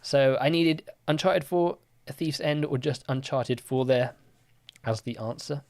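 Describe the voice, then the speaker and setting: A young man runs a live-streamed quiz in a loose, talkative style, moving between reading questions and replying to viewers with laid-back fillers. His voice sits at a mid pitch for a man, and he speaks a little slowly.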